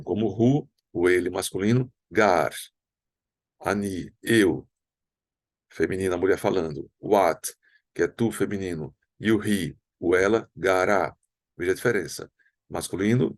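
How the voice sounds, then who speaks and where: A man with a Brazilian Portuguese accent teaching a recorded Hebrew lesson, patiently explaining and slowly sounding out words. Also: deep voice, dry recording, clean studio sound. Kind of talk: recorded online language lesson.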